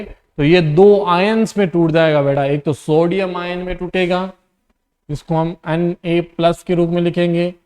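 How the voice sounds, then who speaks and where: Male teacher, rajasthani hindi accent, dictates definitions then quizzes the class and repeats the answers, a bit high-pitched. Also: a little mellow. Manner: asks questions and repeats answers, calls students "beta".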